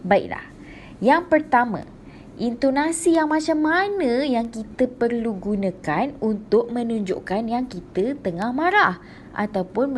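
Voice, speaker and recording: Slow-paced Malaysian woman teacher. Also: fairly high pitch, slight background noise. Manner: slow, clear teacherly explaining with many "okey" and "ha". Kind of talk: online lesson for primary pupils.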